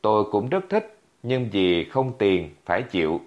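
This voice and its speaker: Man narrating a story, low voice, lively rise and fall, dull lo-fi sound. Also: measured pace. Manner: vivid, dramatic storytelling. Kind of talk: first-person story narration. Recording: dull lo-fi recording.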